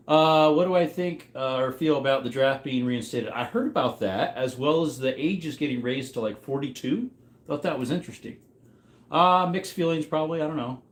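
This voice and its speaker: A man in his mid-thirties runs a trivia livestream, rambling casually and reacting to chat as he goes. His medium-pitched voice is expressive at a moderate pace, with a reverberant sound.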